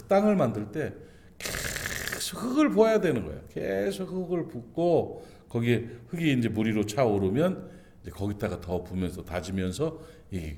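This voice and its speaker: A man preaches at a dawn church service in a lively, swinging voice. His pitch climbs sharply on emphatic points and sinks low on quieter asides, and his delivery stays earnest throughout. The voice sits at a medium height for a man. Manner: earnest preaching with sudden rises and drops in pitch. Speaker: pastor. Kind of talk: sermon. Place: church sanctuary.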